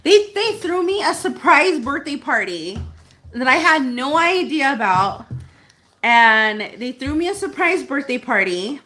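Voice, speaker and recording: A woman's voice: high-pitched, very animated, a little slow, pushed and bright. A woman co-hosting a casual live-stream vlog, chatting and laughing often. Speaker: vlog co-host.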